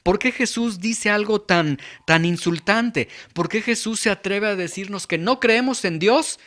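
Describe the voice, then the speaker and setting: A man's voice: high-pitched, unhurried, a bit bright. A man with a Mexican Spanish accent preaching a sermon, asking many rhetorical questions and acting out the voices he quotes.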